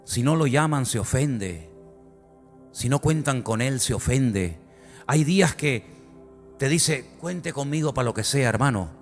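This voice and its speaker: A man preaching a sermon as pastor, impassioned, swinging between loud exhortation and quiet emphasis, with many rhetorical questions. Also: medium pitch, expressive, a little slow. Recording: long hall reverb with faint music behind.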